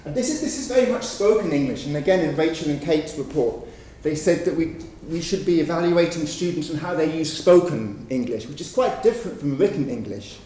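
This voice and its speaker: A man's voice: a little high, expressive, brisk, few pauses, dark tone. Man presenting research in an echoey room. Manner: explanatory, frequent "sort of" hedges. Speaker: conference presenter. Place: conference room. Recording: echoey room, mic far off, faint noise.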